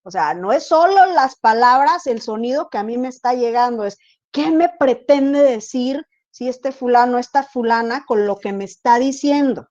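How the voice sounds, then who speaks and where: A woman's voice: fairly high pitch, lively intonation, normal speed, a little mellow. A woman teacher giving an online class, explaining and often checking that students follow. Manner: explains with repeated check-in questions. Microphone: video call. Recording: dull lo-fi video call audio.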